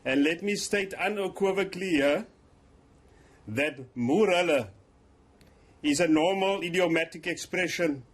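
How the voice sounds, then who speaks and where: A police officer, a native Afrikaans speaker, answers questions in a formal TV interview, speaking English with an Afrikaans South African accent. His voice is a little high, and he makes his points deliberately and emphatically.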